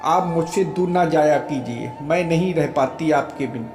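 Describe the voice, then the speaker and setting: A man voicing a young wife who is loving, emotional and quick to flare up at her teasing husband, in a storybook reading. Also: fairly high pitch, a little mellow, lightly acted. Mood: tearful. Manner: emotional, pleading then playfully scolding. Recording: roomy echo with faint music.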